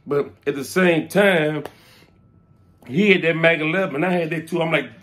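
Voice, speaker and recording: A man's voice: a little high, moderate pace. A man telling a story from his past in casual talk, acting out what people said and dropping "man" into his sentences. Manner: animated, acts out quoted lines, fills with "man". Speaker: interviewee recounting his past.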